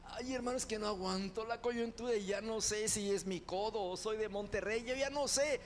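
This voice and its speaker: A man's voice: high-pitched, normal speed, slight background noise, pitched above the performer's own voice, close to an everyday voice. A man voicing a churchgoer who whines and rambles through excuses in a raised voice. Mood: whiny. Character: whiny adult complaining churchgoer, man or woman.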